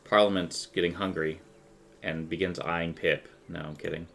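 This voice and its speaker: A man's voice: sits low, steady tone, normal speed, gravelly, a bit bright, a little hiss or hum. A man running a tabletop game as game master, narrating and chatting conversationally with the players.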